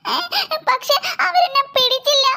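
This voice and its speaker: A woman's voice: very high voice, a little slow, pushed and bright, full character voice. A woman voicing a small, timid cartoon girl who whines and pleads fearfully. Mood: tearful.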